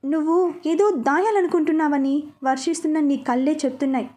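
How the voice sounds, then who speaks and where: A woman voicing a caring, protective older brother who reassures gently, in a storybook reading. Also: sits high, steady tone, a little fast, lightly acted. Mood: gentle.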